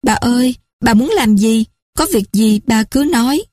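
A caring young grandson from a told story talks in a high, earnest, urgent voice, as a woman narrator puts him on. His voice sits well above the narrator's. The recording is dry and close. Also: a little slow, dark tone, no room sound.

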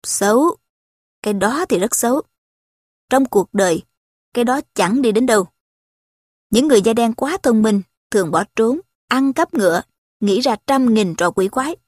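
A woman doing a mocking young gentleman. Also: fairly high pitch, expressive, moderate pace, pauses often, no room sound. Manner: dry, teasing irony.

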